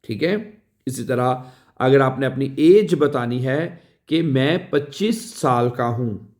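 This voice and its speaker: A man giving a language lesson, saying each phrase slowly and repeating it, often checking with "right?". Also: mid-range voice, darkish tone. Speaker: language teacher.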